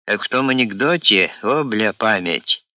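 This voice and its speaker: A man's voice: lowish voice, lively intonation, unhurried, no echo, muffled recording. A man voicing a middle-aged professor and doctor with a wry, teasing, mildly scolding manner.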